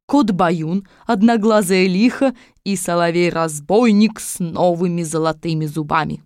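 A woman narrating a fairy tale audiobook in a calm, even storytelling manner. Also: fairly low pitch, a little slow, no room sound, studio quality.

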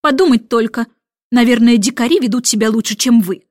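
A woman's voice: a little high, a little fast, darkish tone, dry recording, studio quality, lightly acted. A woman reading aloud, voicing a prim, haughty nanny who speaks sternly. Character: Mary Poppins, prim strict haughty nanny.

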